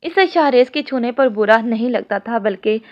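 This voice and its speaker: A woman reading a romance novel aloud in a steady, storybook narration. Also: on the high side, moderate pace. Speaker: novel reader. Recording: dull lo-fi audio.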